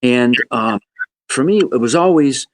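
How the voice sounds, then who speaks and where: A man in his seventies speaks as a guest on a podcast, telling stories with a joking edge. His voice is of middle pitch for a man but leaps up and drops down often. He sounds animated and playful. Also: a little slow. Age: 70s. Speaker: guest musician. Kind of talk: podcast interview storytelling.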